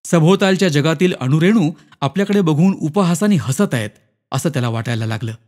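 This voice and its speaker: A man narrating a short story in an expressive, dramatic reading. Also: a little high, brisk. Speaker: story reader. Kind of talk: scripted narration.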